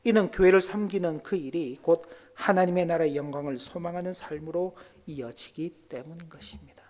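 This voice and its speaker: A male pastor preaching a sermon, dropping to near-whispers and then rising to loud, exclaiming passages. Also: fairly high pitch, fairly quick.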